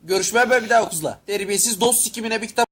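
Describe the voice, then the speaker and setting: A young man with a Thracian Turkish accent, performing crude rapid-fire comic sketches full of swearing. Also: sits high, background noise. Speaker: comedy sketch creator.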